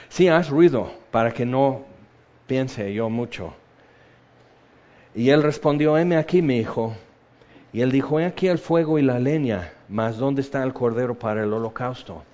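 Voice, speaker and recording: A man preaching a sermon with passion, moving between loud emphasis and soft hushed tones, reading scripture and acting out the quoted voices. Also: mid-range voice, unhurried, long pauses, highs cut off. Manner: reads scripture then acts out quoted voices.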